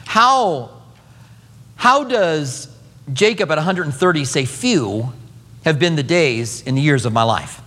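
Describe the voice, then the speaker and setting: A pastor in his fifties delivers an expository sermon a little slowly, his bright, high voice rising and falling expressively. He speaks conversationally and acts out the quotes he shares, while a long, reverberant sanctuary echoes his words.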